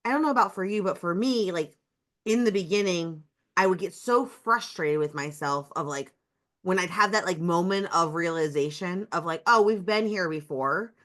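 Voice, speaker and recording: A woman's voice: fairly low pitch, normal speed, a bit bright. A woman in a casual podcast conversation, telling a personal story in a chatty, emotional way and saying "like" constantly. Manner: chatty and emotional, heavy use of "like".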